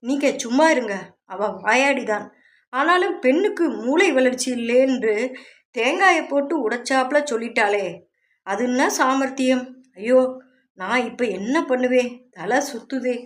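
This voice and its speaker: நாவல் வாசிப்பில் ஊரைக் கூட்டும்படி புலம்பும், சட்டென எரிந்து விழும் நடுவயது மாமியார், ஒரு பெண் நடித்துக் காட்டுகிறார். குரல் உயர்ந்தும் உரத்தும் ஒலிக்கிறது. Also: female voice, high-pitched, lively intonation, unhurried. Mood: lamenting. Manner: loud, lamenting, complaining. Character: wailing, hot-tempered middle-aged mother-in-law.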